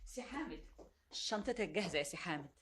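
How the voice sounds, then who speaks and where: An actress with an Egyptian accent playing a meek, obliging young woman relative in a classic film drama, soft and polite. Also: fairly low pitch, expressive, fast talker, a little hiss or hum, close to an everyday voice.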